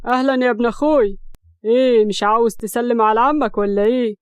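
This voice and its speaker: Storybook role: woman voicing an arrogant Egyptian crime boss uncle, cold, haughty, menacing, quick delivery. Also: a little high, steady tone, clear, resonant tone, dry recording, natural voice.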